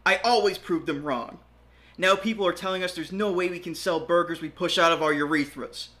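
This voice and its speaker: A young man voicing a brash young male hero, yelling melodramatically. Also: a little high, takes it slowly. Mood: pleading.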